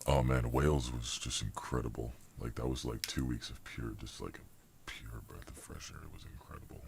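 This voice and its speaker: A man hosting a casual podcast chat, his voice run through a voice changer that shifts it very deep. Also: normal speed, gravelly, noisy background. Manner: relaxed, slangy, swears when flustered. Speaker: podcast host.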